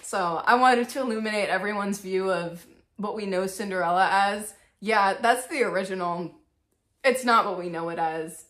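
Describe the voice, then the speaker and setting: This young adult woman speaks in a mid-range, slightly bright voice at a moderate pace while hosting a dramatic storybook reading. She adds irreverent, offhand asides, and the small bedroom she's in gives the recording an echo.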